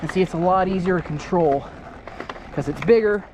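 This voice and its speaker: Young man, upbeat chatty vlogger, slightly high voice, steady outdoor noise. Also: moderate pace. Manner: upbeat, chatty, laughs often. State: out of breath. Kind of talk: casual outdoor vlog. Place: outdoors on pavement.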